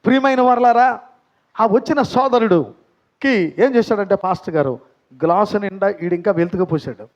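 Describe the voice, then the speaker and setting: A man's voice: high voice, moderate pace, dull audio. A man preaching a sermon as pastor, telling a story and putting questions to the congregation. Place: church.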